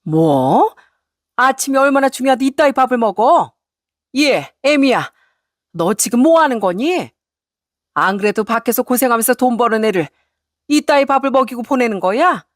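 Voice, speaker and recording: A woman voicing a furious, domineering older mother-in-law who scolds in a shrill, shouting voice. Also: expressive, a little slow, no echo, studio quality, close to an everyday voice. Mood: furious scolding.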